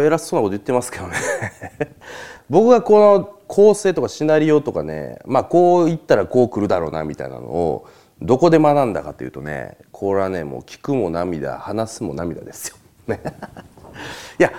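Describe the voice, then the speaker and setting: A man's voice: medium pitch, wildly swooping pitch, moderate pace, warm tone. A man hosting a casual solo talk, telling stories in a chatty way and laughing often between points. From Japan. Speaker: host.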